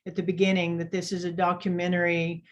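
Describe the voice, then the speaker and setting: Low, flat-voiced woman lecturer. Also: fast talker. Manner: apologetic, hesitant with fillers. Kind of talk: casual lecture to an audience.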